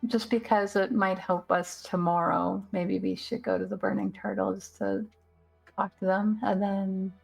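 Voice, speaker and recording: A woman playing a tabletop game, thinking aloud in a halting, casual way. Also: mid-range voice, lively intonation, vocal fry, breathy edge, soft background music, poor audio. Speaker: player.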